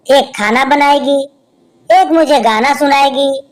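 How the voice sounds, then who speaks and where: Casting: woman doing a cheeky son, high and unhurried, deadpan delivery.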